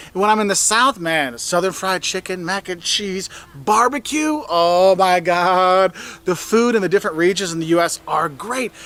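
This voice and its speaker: A man with a fairly high voice talks visitors through travel advice. His delivery is enthusiastic and he jumps up in pitch whenever he quotes a phrase. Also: fairly bright tone. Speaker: travel video host.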